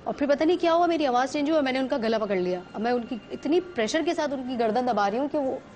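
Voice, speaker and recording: A woman's voice: high-pitched, animated, quick pace, darkish tone, slight background noise. A woman from Pakistan, a talk-show guest, telling a vivid personal story and acting out what others said.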